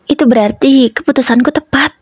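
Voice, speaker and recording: A woman's voice: sits high, fairly quick, a little mellow, husky, no echo, voice pushed up. A woman voicing a pleading, defensive unfaithful husband in a spoken story. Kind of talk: storytelling, acted dialogue.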